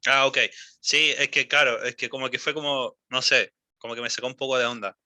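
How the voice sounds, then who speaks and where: A young man coaching a student's English pronunciation over a call. He is patient, models each word slowly and fills gaps with ums and eh. His voice is bright and sharp, recorded dry and close. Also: mid-range voice, steady tone, no echo. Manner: patient, repeats and models words slowly, many fillers. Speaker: English teacher.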